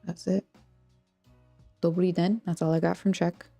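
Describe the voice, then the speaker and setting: Crafting on a livestream, this host from Texas talks with viewers in a loose, joking manner, often poking fun at herself, her accent American. She speaks at a measured pace in a lowish, level, gravelly yet mellow voice; the recording is dry, and music plays behind her.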